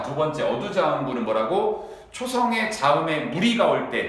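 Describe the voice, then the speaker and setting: Male teacher, classroom lecture, animated pitch, rhetorical questions, very echoey room. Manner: keeps asking students quick rhetorical questions. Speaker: Korean language teacher.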